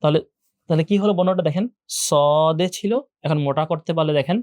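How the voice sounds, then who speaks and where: A man's voice: a little high, fast, dark tone, no room sound. Patient young man drilling letter sounds. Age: young adult. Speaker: Quran teacher. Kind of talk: online class lecture.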